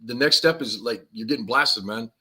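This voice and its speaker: A man's voice: mid-range voice, moderate pace, pushed and bright, husky. A man co-hosting a live survival podcast, telling stories in a rambling, slangy way and laughing as he goes. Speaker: podcast co-host. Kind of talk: casual live-stream chat.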